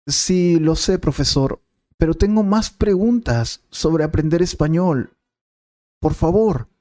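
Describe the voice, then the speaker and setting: A man's voice: fairly high pitch, animated, slow pace, mellow, voice pushed up. A man voicing an eager young adult male student who asks his teacher keen, pleading questions in a scripted lesson dialogue.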